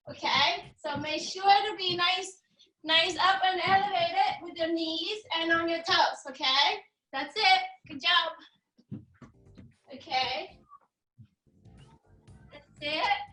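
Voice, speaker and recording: High-pitched woman coaching gymnastics in an echoey space. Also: slow, long pauses, pushed and bright. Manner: encouraging, repeats short counted commands and cues. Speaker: gymnastics coach leading a warm-up. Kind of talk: live exercise instruction. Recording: roomy echo, distant mic, faint music.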